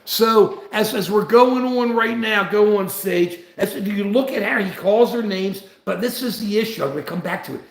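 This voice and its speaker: Older male livestream host, high gravelly voice, rambling rants, roomy echo. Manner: rambling, repetitive and animated. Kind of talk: political livestream commentary.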